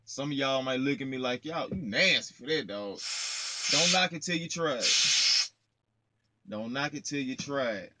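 A man's voice: mid-range voice, animated, normal speed, long pauses, sharp tone. A young man in his twenties, a trucker vlogging in slangy, playful casual chat, talking straight to his viewers from his truck cab into a close phone camera. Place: parked truck cab, indoors, small.

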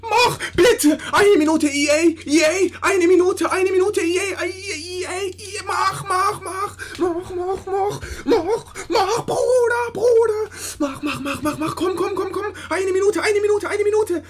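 A man's voice: very high-pitched, measured pace. A man live streaming a football video game, frantically pleading and repeating the same words over and over.

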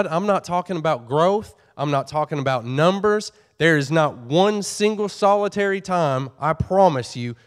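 A pastor preaching a sermon to his church, earnest and folksy, often repeating and restarting his phrases. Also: on the high side.

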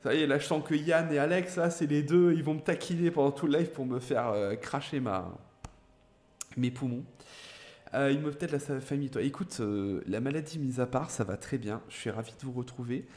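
A young adult man from France hosting a live gameplay stream, chatting hesitantly with viewers and answering them by name, with many filler pauses and restarts. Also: medium pitch, darkish tone. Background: background music.

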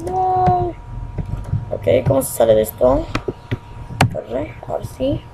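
A young man with a Peruvian accent giving excitable gameplay commentary, muttering repeated words and swearing as he plays. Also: extremely high pitch, normal speed, gravelly, background noise. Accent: Peruvian Spanish. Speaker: gamer.

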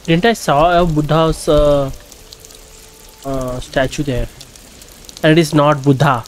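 A man's voice: on the high side, slow pace, slight background noise. A man from India with an Indian accent hosting a gaming channel, giving casual, hesitant commentary as he plays.

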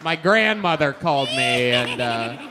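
A man hosting a live comedy show, loud and teasing, often shouting and laughing into a handheld mic on a club stage. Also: medium pitch, expressive, unhurried, background noise.

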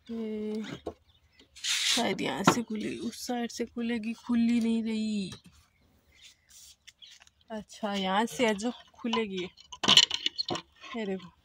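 Against a noisy background, a young woman with a medium-pitched voice gives a casual walking tour of an old empty brick house, inside and outside. She films herself on a phone at arm's length, chatting to viewers as friends and leaning on filler phrases.

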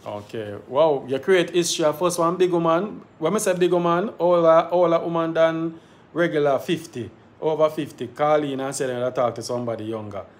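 A man's voice: fairly high pitch, normal speed. A man with a Jamaican accent hosting a live call-in show, chatting in patois with easy banter. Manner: patois-heavy, laughing banter. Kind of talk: casual live call-in chat. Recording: faint background noise.

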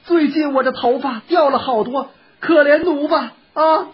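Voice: sits high, moderate pace, voice pushed up, close to an everyday voice. A storyteller voicing a young concubine with a wheedling, sobbing manner, in a dull lo-fi recording. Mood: coaxing. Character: pleading young concubine, tearful and coaxing.

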